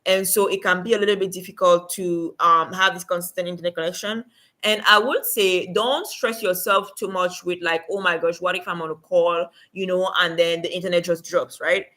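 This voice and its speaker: Woman livestream host from Cameroon, conversational with fillers, bright sound. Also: fairly low pitch, steady tone, moderate pace. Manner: chatty, many fillers, talks to viewers in chat. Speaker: livestream host and remote work coach. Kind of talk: casual livestream advice.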